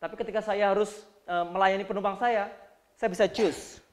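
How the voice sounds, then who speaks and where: A man teaching cabin-crew students in a lively, joking way, acting out examples of how to speak. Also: sits high, fairly quick. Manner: animated, joking, acts out examples. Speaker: flight attendant trainer. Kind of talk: training lecture to students.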